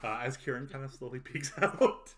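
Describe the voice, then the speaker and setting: A man's voice: medium pitch, normal speed, fairly bright tone. A man acting as game master, improvising narration for a tabletop role-playing game among players.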